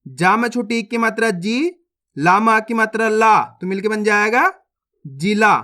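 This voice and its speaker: A man teaching a reading lesson, sounding out words slowly syllable by syllable and quizzing viewers as he drills them. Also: high voice, bright, forceful tone. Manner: slow, syllable-by-syllable, repetitive drilling; addresses viewers as friends, asks quiz questions.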